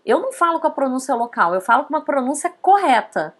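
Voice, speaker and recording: A woman teaching a casual online lesson, chatty, often tagging her points with quick questions. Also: sits high, very animated. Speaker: Mandarin teacher.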